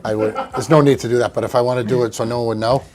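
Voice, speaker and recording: A man's voice: medium pitch, steady tone, very fast. A man with a Boston accent hosting a live comedy talk show, trading crude banter and laughing often. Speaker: host.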